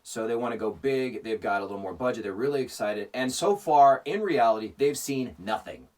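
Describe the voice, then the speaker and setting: A man co-hosting a casual podcast, recapping a movie plot in an animated storytelling way. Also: mid-range voice, brisk. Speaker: podcast co-host. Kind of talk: casual chat, movie review. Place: remote, separate location. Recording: distant mic with faint noise.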